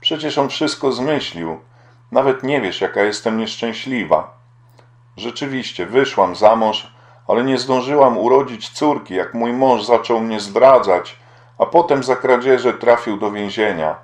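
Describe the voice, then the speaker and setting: A man's voice: medium pitch, unhurried, close to an everyday voice. A man reading the part of a young woman who pleads and pities herself. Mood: pleading. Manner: pleading, self-pitying.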